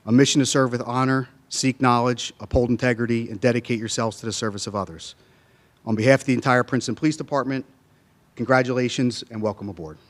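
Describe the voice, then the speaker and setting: A man delivers a formal, prepared ceremonial welcome speech in a measured public-address manner, speaking into a podium microphone in a meeting room. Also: mid-range voice. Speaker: police department official giving a welcome speech.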